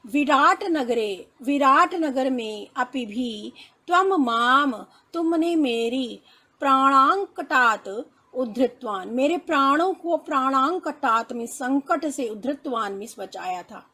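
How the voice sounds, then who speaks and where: Going line by line through a Sanskrit text, this female teacher speaks in a high-pitched, animated voice with a bright, forceful tone. She reads a line aloud and then explains it slowly in Hindi, calling the students children.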